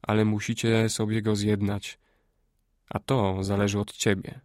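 A scheming Greek adviser who talks low and slow to win a boy over, as a man puts him on in an audiobook. His voice drops below the narration, quiet and coaxing. The recording is dry and close. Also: flat delivery, dry recording, close to an everyday voice. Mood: hushed persuasive.

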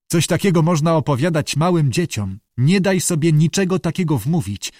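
A man's voice: a little high, expressive, a little mellow, no room sound, clean studio sound, pitched above the performer's own voice. A man voicing a small, gossipy male Irish sailor in an audiobook, talking in a wheedling, conspiratorial way. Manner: wheedling, conspiratorial, quick to back down. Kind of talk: audiobook character voice.

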